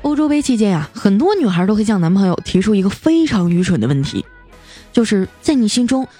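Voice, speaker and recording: Young woman host, animated comic storyteller, middle pitch. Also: a little fast, soft background music. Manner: playful, punchline-driven delivery. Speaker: comedy podcast host.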